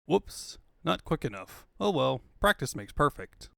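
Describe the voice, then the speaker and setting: Man voicing a cocky, lively cartoon hedgehog hero. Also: a little high, unhurried, gravelly, no room sound, clean studio sound, heavily acted. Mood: wry. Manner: quippy, breezy banter. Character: cocky wisecracking young male hedgehog hero. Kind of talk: comic book fandub acting.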